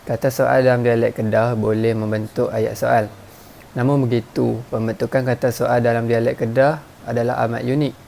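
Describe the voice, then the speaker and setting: A man with a Malaysian Malay accent giving a formal, measured academic presentation from a script, like a student presenter. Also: mid-range voice, creaky, darkish tone, slight background noise.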